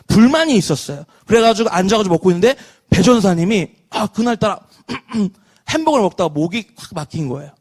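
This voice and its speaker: Children's pastor, man in his thirties, high-pitched, keeps quizzing the kids. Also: fairly quick. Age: 30s. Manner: lively, asks children questions and leads call-and-response. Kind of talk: online children's sermon.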